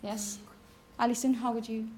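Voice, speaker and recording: A woman's voice: fairly high pitch, level tone, moderate pace, a little mellow, slight background noise. A woman teaching a classroom pronunciation lesson, patiently correcting students and often checking "okay?".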